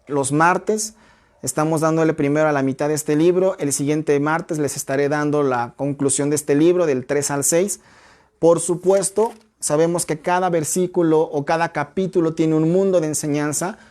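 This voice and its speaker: A woman teaching a church Bible study in a measured, explanatory way, reading scripture aloud. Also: on the low side, dark tone.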